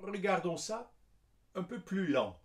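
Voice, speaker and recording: A man's voice: high voice, very animated, takes it slowly. A male vocal coach giving a singing lesson, patiently explaining consonants and then singing short examples. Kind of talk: singing lesson with sung demonstrations.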